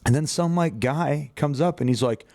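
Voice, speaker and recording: A man's voice: on the high side, normal speed, a little mellow, dry recording. A young man hosting a casual sports podcast, rambling through stories, swearing casually and laughing mid-sentence. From USA. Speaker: podcast host.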